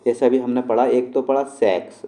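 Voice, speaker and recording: A man walks through a spelling lesson. His voice is deep-toned and very mellow, at an ordinary pitch. He explains patiently and keeps checking in with his students. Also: little pitch movement, fairly quick. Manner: explains patiently, with frequent check-ins to the class. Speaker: shorthand and typing teacher.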